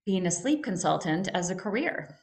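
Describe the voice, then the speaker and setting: A woman hosting a podcast interview, upbeat and quick with short affirmations. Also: lowish voice, big pitch swings. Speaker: podcast host. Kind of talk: casual interview chat.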